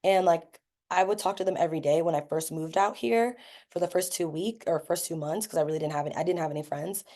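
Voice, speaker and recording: A woman's voice: fairly low pitch, fast, dark tone. A young woman talking casually and reflectively about personal experience on a video call. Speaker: guest speaker sharing experience.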